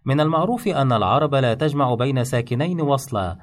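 Male teacher, calm instructional narration, explains rules one by one, mid-pitched voice. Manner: measured, explains rules step by step.

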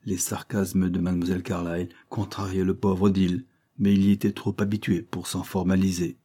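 Husky low-voiced male narrator. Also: little pitch movement, normal speed, dark tone. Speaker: audiobook narrator. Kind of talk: scripted narration.

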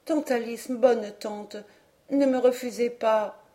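A woman's voice: on the high side, fairly even intonation, slow, mellow. A woman voicing an eager, determined young woman who speaks in a pleading, enthusiastic, persuasive way in an audiobook.

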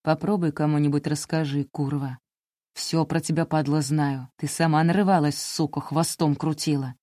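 A woman's voice: low voice, fairly even intonation, normal speed, dark tone, no room sound, clean studio sound, close to an everyday voice. A woman voicing a brutal young village man who growls and hisses threats in an audiobook. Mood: hissing threat.

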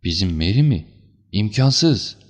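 A man's voice: on the low side, sing-song, unhurried, in a large hall, voice pushed up. A man voicing a distraught, emotional older banker who speaks in pleading, anguished bursts, for an audiobook. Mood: disbelieving. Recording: slightly dull lo-fi recording.

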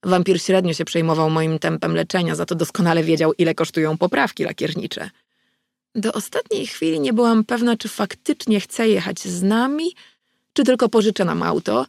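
Narrating a novel in the first person, this woman keeps a measured, even pace, her lowish voice carrying a gravelly texture. She's an audiobook narrator, captured in a close, dry recording free of room echo.

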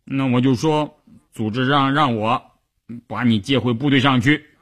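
A man's voice: a little slow, fairly bright tone. A man voicing an aggrieved young male soldier who pleads and sulks in a raised, whiny voice. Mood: sulky pleading. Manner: pleading, whiny, high-pitched.

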